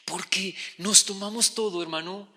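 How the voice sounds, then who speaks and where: Bright, high-voiced preacher. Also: male voice, normal speed, in a large hall. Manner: conversational and animated, addressing listeners as "hermano". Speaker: pastor. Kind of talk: sermon.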